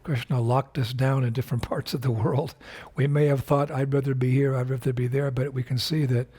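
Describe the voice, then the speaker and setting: Recording a video message, an older spiritual teacher speaks unhurriedly and reflectively, pausing often with fillers and restarts. His medium-pitched voice is mellow and slightly rough, with a flat delivery.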